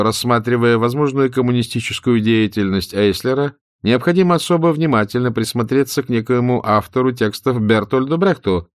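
Formal newsreader, raised pitch, even delivery, read by a male narrator. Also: smooth, no room sound, clean studio sound, natural voice. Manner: formal news reading. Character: formal male radio news announcer.

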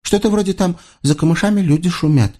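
A man's voice: sits high, quick pace, dark tone, voice pushed up. A man voicing a chatty, naive little Cossack girl who talks innocently.

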